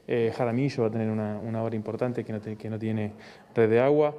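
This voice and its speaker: Hesitant official, reverberant sound. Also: male voice, lowish voice, steady tone, muffled recording, slight background noise. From Argentina. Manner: hesitant, measured, official explaining. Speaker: provincial government official. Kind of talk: interview about public works.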